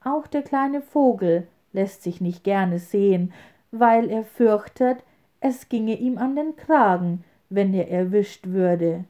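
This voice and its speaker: Slow, mellow woman reading a fairy tale. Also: medium pitch. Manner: expressive, lively storytelling. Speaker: storyteller.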